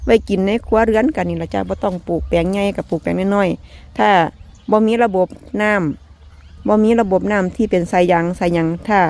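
Woman, Isan accent, middle pitch, chatty and folksy, soft polite particles, outdoor garden vlog. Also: steady tone, fairly quick, gravelly, no echo. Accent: Isan (Northeastern Thai). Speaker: vlog host. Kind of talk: casual chat to viewers. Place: rural home garden, outdoors.

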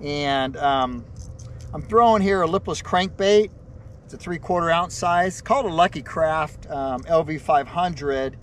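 Middle-aged guy fishing off a boat, talking slow and easy to the camera, kinda highish voice, some faint lake noise behind. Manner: talks to viewers while casting, upbeat and chatty. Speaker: fishing vlogger. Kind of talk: casual fishing vlog commentary. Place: open bass boat on a lake, outdoors.

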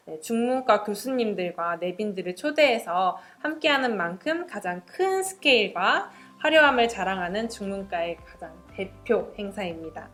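A woman's voice: medium pitch, animated, normal speed, few pauses, fairly bright tone, faint music behind. A young woman, a student presenter, speaking in a polite, scripted presentation style. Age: young adult.

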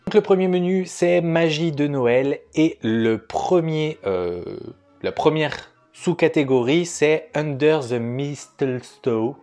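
A man's voice: medium pitch, darkish tone. A young man chatting casually in a book vlog, self-mocking and hesitant, recorded indoors at home at night. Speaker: booktuber.

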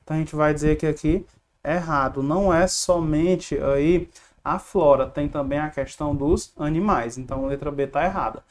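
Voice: medium pitch, normal speed. A Brazilian teacher explaining exam questions step by step, asking questions and answering them. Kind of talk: online lesson solving exam questions.

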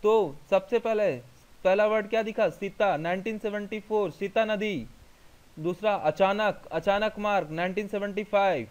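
A man teaching exam revision from slides, repeating memory tricks in slow, emphatic drills. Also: high-pitched, clear, resonant tone, low-quality recording. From India.

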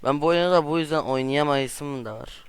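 A man giving casual gameplay commentary to his viewers, trash-talking opponents in excitable outbursts and chatting directly to the audience. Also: fairly high pitch, brisk, clean tone, dry recording. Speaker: gaming video creator.

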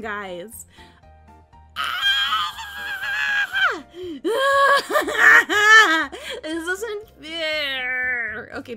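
Squealy, giggly high-voiced woman streamer. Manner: excitable, squealing and giggly, repeats panicked cries. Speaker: VTuber streamer. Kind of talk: live gameplay commentary. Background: faint background music.

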